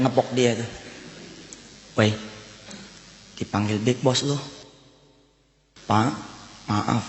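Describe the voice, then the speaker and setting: A man preaching a sermon, telling a story in an animated way and voicing its characters. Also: mid-range voice. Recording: echoey hall with faint noise.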